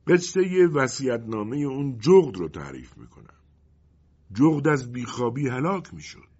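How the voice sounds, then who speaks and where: A man voicing a sly, menacing male wind spirit in a storybook reading, with a husky voice and an insinuating delivery. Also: mid-range voice, very animated, a little mellow, voice pushed up. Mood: musing. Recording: dull lo-fi recording.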